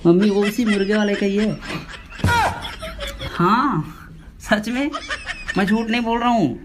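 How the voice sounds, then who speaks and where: A young man with a high voice pulls a loud, boastful prank call, laughing as he goes. Heavy background noise from a busy public place runs under his voice. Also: a little slow. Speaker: prankster making fake phone calls. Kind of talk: loud comic phone prank.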